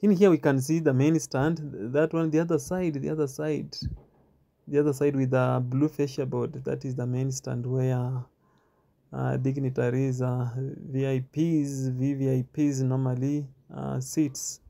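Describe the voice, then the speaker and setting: A man giving a walking stadium tour outdoors, talking haltingly with many filler pauses and repeats, recorded on a handheld phone. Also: medium pitch, flat delivery, vocal fry, warm tone. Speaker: tour guide.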